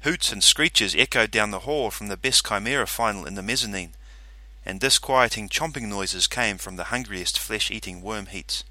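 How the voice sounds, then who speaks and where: Man reading fiction aloud, measured pace, lowish bright tone, very dry recording. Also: no echo. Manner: steady, measured storytelling. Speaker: audiobook narrator. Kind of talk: scripted narration.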